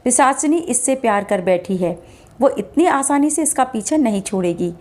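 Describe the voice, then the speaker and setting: A woman's voice: on the high side, expressive, moderate pace, darkish tone, lightly acted. A woman voicing a stern, confident older male exorcist who gives orders in a fatherly way. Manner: commanding, fatherly.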